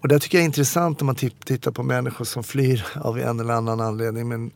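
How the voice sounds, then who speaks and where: A man, a former police officer reflecting candidly on his life in an interview, with frequent pauses and hesitations. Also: mid-range voice, steady tone, vocal fry. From Stockholm, Sweden.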